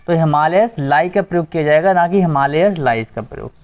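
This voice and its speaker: A man's voice: on the high side, animated, fairly quick, darkish tone, clear, resonant tone. A male teacher giving an exam-prep grammar lesson, asking the class questions and repeating the answers. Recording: dull lo-fi recording.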